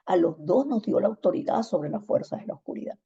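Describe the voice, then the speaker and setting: A woman leads a church discipleship lesson in a low, dark voice with a husky edge. She tells everyday stories animatedly and acts out the other people's replies. The recording sounds dull and lo-fi. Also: a little fast. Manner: animated storytelling, acting out text-message exchanges. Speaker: discipleship teacher.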